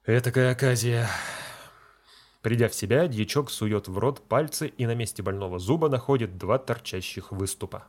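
A man narrating a classic short story in a steady reading voice. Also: on the low side, fairly quick, hardly any pauses.

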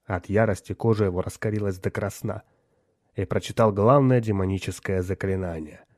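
A man narrating a story in an audiobook with a steady storytelling delivery. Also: fairly low pitch, normal speed, dry recording, studio quality.

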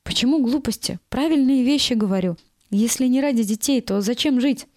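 A woman's voice: fairly high pitch, a little fast, a little mellow, dry recording, studio quality, close to an everyday voice. A woman voicing an embittered middle-aged kindergarten teacher who speaks in curt, clipped sentences. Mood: bitter.

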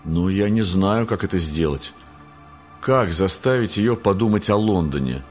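A man voicing an excitable young girl angel, anxious and eager. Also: deep voice, unhurried, faint music behind.

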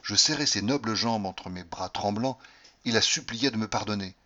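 A man narrating a novel in the first person, reading in an expressive, emotional way. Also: fairly low pitch, normal speed. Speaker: audiobook narrator. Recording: slightly dull lo-fi recording.

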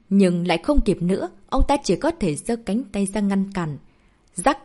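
A woman reads a martial arts novel aloud as an audiobook narrator. Her narration is expressive, and her pitch moves freely up and down to build the drama. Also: breathy edge.

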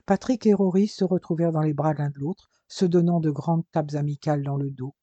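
A narrator reading a story aloud in an even, unhurried way, in a dull lo-fi recording. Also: medium pitch, no room sound. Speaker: audiobook narrator.

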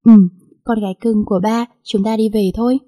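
A woman doing a gentle, tender father. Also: fairly high pitch, steady tone, a little fast, close to an everyday voice. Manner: tender, reassuring. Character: gentle hardworking poor father, cyclo driver.

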